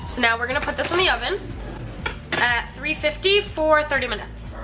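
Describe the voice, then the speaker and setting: A woman's voice: high voice, lively intonation, moderate pace, sharp tone, soft background music. A young woman vlogger chatting casually in her kitchen as she bakes and taste-tests. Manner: chatty and rambling, with many fillers and giggles. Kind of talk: casual cooking vlog chat. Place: home kitchen.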